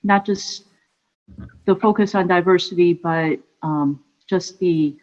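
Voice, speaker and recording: A woman gives a public comment over a video call, her voice slightly low. She talks very slowly and hesitantly, filling gaps with fillers. The audio sounds dull and lo-fi. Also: darkish tone. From Philippines, raised in Michigan. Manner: hesitant, many pauses and fillers. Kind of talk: public comment at council meeting.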